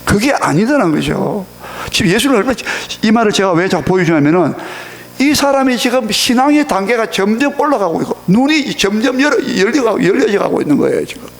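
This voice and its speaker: A middle-aged Korean pastor giving an animated, conversational sermon in a church, often prompting the congregation with questions and leading them through scripture readings. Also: male voice, high-pitched, a little fast. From South Korea. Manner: animated, conversational preaching with frequent rhetorical "예?". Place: church sanctuary.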